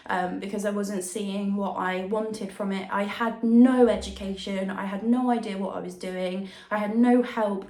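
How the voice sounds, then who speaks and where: With a mid-range, darkish voice strained by a sore throat from tonsillitis, a young adult YouTube vlogger and fitness coach chats casually to camera. She does an introduction and Q&A in a room with noticeable indoor echo.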